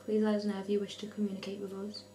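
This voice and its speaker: A woman in her twenties leads a séance with solemn, spoken questions. Her intonation stays fairly flat at a middling pitch, and a faint hum runs under the recording. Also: racing, reverberant. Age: 20s. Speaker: leader of a spirit board session. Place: dim indoor room at night. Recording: low hum, faint noise.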